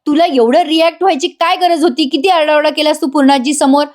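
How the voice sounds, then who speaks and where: Woman doing exasperated young husband, scolding questions, raised pitch. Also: fairly even intonation, quick pace, lightly acted.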